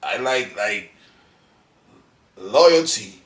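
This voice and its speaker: A man's voice: lowish voice, expressive, very slow, far from the mic. A man speaking as a podcast guest, telling blunt, profane stories and acting out quotes in casual conversation. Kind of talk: casual interview chat. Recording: echoey room, off-mic.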